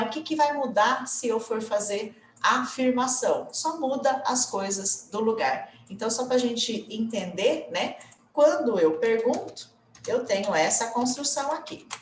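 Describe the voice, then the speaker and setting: A Brazilian woman, an English teacher, explaining grammar in a lively way with many tag questions. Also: on the high side, reverberant, distant mic, a little hiss or hum. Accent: Brazilian Portuguese.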